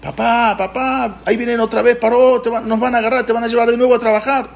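Guy putting on high scared little kids' voices, calling for dad. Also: little pitch movement, fast talker, vocal fry. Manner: high, fearful crying out. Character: frightened young children.

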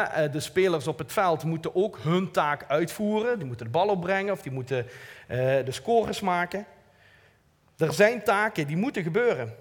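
A man with a Limburg Dutch accent giving an informal, earnest church talk, plain-spoken with light self-mocking asides. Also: fairly high pitch. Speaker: lay preacher. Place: church hall. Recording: long hall reverb.

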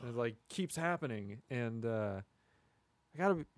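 A man's voice: medium pitch, expressive, moderate pace, no echo, close to an everyday voice. A man improvising a hesitant auditor who talks with many ums and restarts, in a dry recording. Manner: hesitant, filler-heavy. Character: hesitant male internal auditor. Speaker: improv performer.

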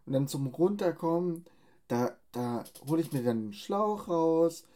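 Man, dark warm tone, deadpan mumbled asides, crude casual banter. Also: fairly high pitch, measured pace.

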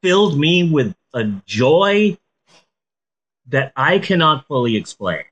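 A woman hosting a podcast rambles in a stoned, loose, casual way, tossing out deadpan jokes and curses. Her husky, low-to-mid voice moves slowly and swings widely in intonation.

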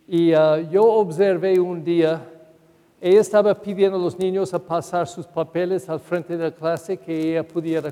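An older man preaches a Sunday homily as parish priest, telling anecdotes at an unhurried pace. His voice sits fairly high and sounds mellow and soft-edged. A long church reverb trails each phrase.

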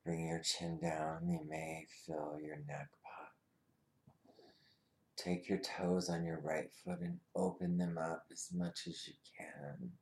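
A man with a very low, deep voice guides a meditation, speaking unhurriedly. His instructions are soothing and soft, and he often sinks to a whisper. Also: completely flat delivery, slow, gravelly, slight background noise.

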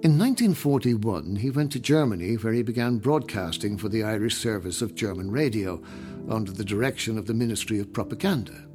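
A man's voice: on the low side, animated, brisk, music in the background. A man reading scripted documentary narration as the narrator of an audio guide.

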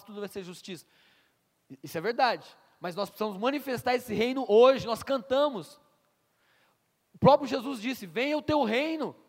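Pastor, male, high voice, preaching sermon, asks the room questions, long church reverb. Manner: stammers on restarts, asks the congregation questions.

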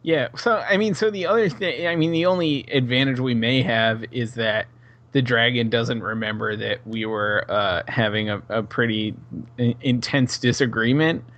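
Matter-of-fact man, mid-pitched. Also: normal speed, fairly bright tone, muffled recording. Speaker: tabletop game player. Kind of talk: casual recap and chat.

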